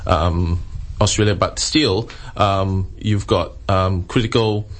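A man speaking as an expert interview guest, explaining his research in a halting way with frequent pauses and hesitations. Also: low voice, fairly even intonation.

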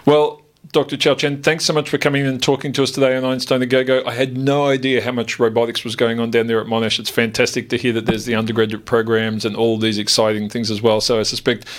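This is a man presenting a science show on radio. His voice sits at an ordinary male pitch. He chats in a bright, curious and enthusiastic manner, as a host talking with studio guests. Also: flat delivery, fast. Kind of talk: live radio interview chat.

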